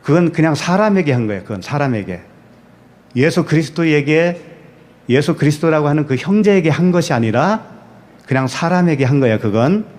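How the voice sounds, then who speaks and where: A man's voice: on the high side, lively intonation, fairly quick, darkish tone. A man preaching a sermon as pastor. He asks the congregation rhetorical questions, answers them himself, and repeats key words for emphasis.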